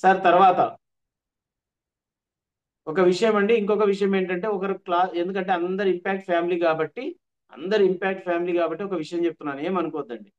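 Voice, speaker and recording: Male trainer, high voice, emphatic repeats, dull call audio. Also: fairly even intonation, quick pace. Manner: repetitive, emphatic teaching. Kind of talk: online workshop lecture.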